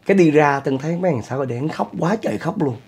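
Speaking quickly and expressively, this middle-aged Southern Vietnamese storyteller chats with his audience as he spins a ghost tale, laughing frequently. His slightly high voice is a little mellow with some roughness.

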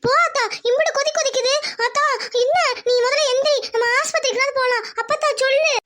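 A woman voicing an anxious little village girl in a cartoon, high and pleading as she calls out. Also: steady tone, fast, a bit bright, a little hiss or hum. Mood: worried. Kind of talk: cartoon voice acting.

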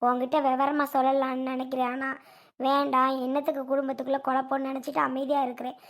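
A woman's voice: high-pitched, little pitch movement, fast talker. A woman playing a fussy grandmother in a family comedy skit, who nags, complains and lectures. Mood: scolding. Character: fussy scolding grandmother, protective of baby.

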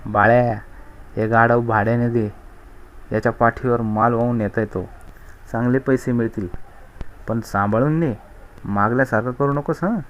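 A generous uncle gives careful instructions with a gentle warning, voiced by a male storyteller in his own plain tone. The delivery is steady and instructing. The recording sounds muffled and lo-fi. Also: medium pitch, normal speed, pauses often, natural voice. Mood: cautioning.

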